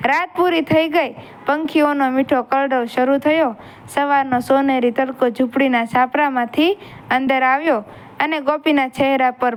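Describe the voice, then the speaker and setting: A woman narrating a dramatic family story in a steady storytelling manner. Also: high-pitched. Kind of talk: scripted narration.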